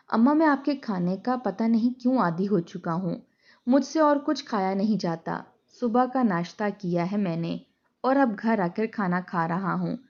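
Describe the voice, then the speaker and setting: A woman voicing an angry grown son who scolds his old mother with harsh accusations. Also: mid-range voice. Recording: dull lo-fi recording.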